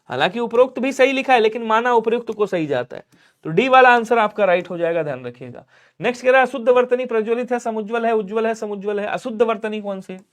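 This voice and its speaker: A man's voice: high-pitched, lively intonation, fast. A man teaching an online exam-prep grammar lesson, explaining step by step and asking his students questions that he answers himself. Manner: urges viewers to like and subscribe.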